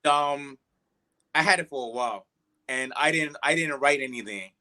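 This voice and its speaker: Bright-voiced Bermudian man telling stories. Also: mid-range voice, moderate pace. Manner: animated retelling with quoted dialogue. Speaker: guest musician, singer. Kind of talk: casual interview chat, storytelling.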